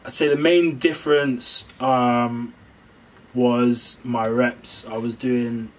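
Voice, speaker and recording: Brief: young man, host, easygoing delivery, mid-pitched, recorded a little off-mic. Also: little pitch movement, slow, far from the mic, rough recording. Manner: laid-back, explains loosely. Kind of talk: casual chat.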